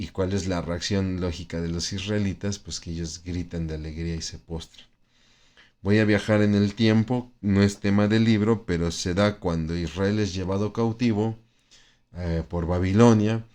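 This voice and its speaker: A man's voice: sits low, a little mellow. A man teaching a Bible study lesson in a conversational way, with frequent tag questions and restarts. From Mexico.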